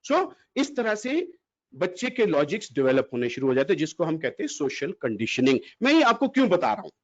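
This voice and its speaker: A man giving an animated online motivational talk and quizzing his audience. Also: fairly high pitch, brisk. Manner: animated, mixes Hindi and English, quizzes the audience. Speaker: motivational speaker. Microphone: computer mic in an audio-only video call. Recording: dull lo-fi audio.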